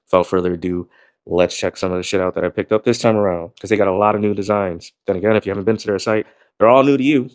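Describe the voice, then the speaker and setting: Guy rambling to camera about gym stuff, chill and kinda monotone, swears a bunch, dry close sound. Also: fairly low pitch, fast talker, dry recording. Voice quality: calls his own voice monotone. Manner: rambling, laid-back, swears casually. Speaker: gym vlogger. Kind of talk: casual to-camera chat.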